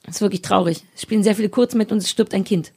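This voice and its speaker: Husky, gravelly-voiced woman podcast co-host. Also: mid-range voice, steady tone, rapid-fire, a little mellow. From eastern Germany. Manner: playful, teasing, self-promoting. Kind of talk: casual chat.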